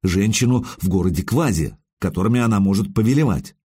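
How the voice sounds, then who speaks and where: A man narrating an audiobook in the first person, in an expressive, conversational way. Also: lowish voice, a little fast, husky.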